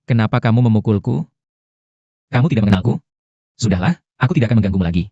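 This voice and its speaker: A pushy man wheedles his boss, as an actor dubs him. His voice is low and dark. The sound is dry and slightly dull. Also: expressive, fast, dry recording. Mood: wheedling. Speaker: dub actor. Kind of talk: dubbed drama acting.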